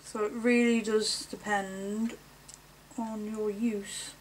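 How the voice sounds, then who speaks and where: A woman with a slight lisp giving a casual, rambling how-to talk, unhurried and full of fillers. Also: mid-range voice, level tone, a little hiss or hum. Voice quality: slight lisp from wearing false teeth. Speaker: cosplay tutorial maker.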